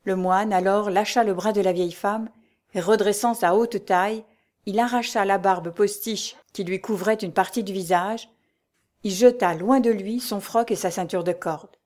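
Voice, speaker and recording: A woman reading a historical adventure novel aloud as scripted narration. Her delivery is measured and even, with a mid-range pitch typical for a woman. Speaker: audiobook reader.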